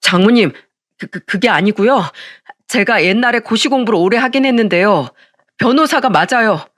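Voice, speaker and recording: A woman's voice: a little high, expressive, normal speed, a bit bright, no echo, studio quality. A woman doing a stammering young man. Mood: pleading. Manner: stammering, pleading. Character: flustered young man, a fake lawyer.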